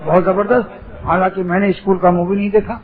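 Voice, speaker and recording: Male preacher, high-pitched, humorous sermon with wordplay; muffled lo-fi sound. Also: little pitch movement. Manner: playful wordplay, teasing. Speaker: Islamic preacher.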